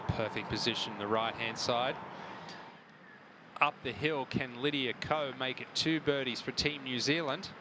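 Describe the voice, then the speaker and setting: A man's voice: medium pitch, a little slow, noisy background. A man giving live television golf commentary as a commentator.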